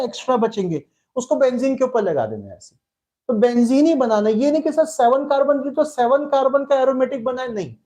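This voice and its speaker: A man's voice: very high voice, dark tone. Coaxing Indian man teaching chemistry. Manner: coaxing, calls students "beta", repeats words. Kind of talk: live online class lecture.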